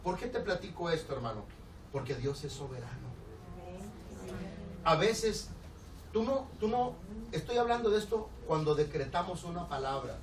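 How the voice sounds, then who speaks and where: Animated Mexican pastor preaching in a roomy hall. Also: male voice, fairly high pitch, normal speed, pauses often. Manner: animated, laughing, acts out the people in his story. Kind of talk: storytelling sermon. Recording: roomy, distant church recording with background noise.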